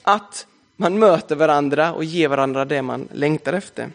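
A man's voice: a little high, gravelly. A young man preaching a sermon in a casual, chatty way, often adding "liksom" as a filler.

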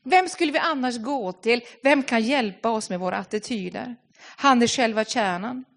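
Female preacher, earnest and conversational, a little higher-pitched, restarts and repeats words. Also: fairly bright tone. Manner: earnest, repeats words while reaching for phrasing. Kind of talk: sermon.

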